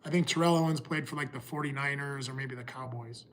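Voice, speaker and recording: A middle-aged man talking casually to his livestream viewers, pausing and restarting often. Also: mid-range voice, fairly even intonation, a little hiss or hum. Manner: halting, restarts often, talks to chat. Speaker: livestream host.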